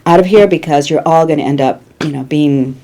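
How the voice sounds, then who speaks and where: A Cuban-born woman in her sixties, a guest producer telling animated stories in an interview and laughing easily. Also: deep voice, fairly quick. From Cuba. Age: 60s. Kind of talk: conversational interview storytelling.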